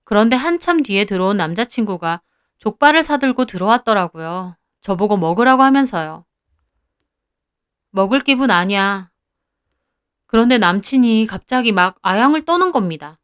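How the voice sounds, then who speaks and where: Smooth young woman telling a story. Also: mid-range voice, brisk, no echo, clean studio sound. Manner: even, confiding storytelling. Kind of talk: first-person story narration.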